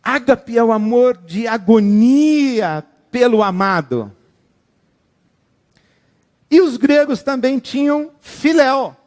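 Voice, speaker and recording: A man preaching in an animated, dramatic way, his voice pitched high and bright for a man. A long hall reverb trails behind each phrase. He acts out the words of the people he quotes. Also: takes it slowly, pauses often. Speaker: pastor. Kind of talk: sermon.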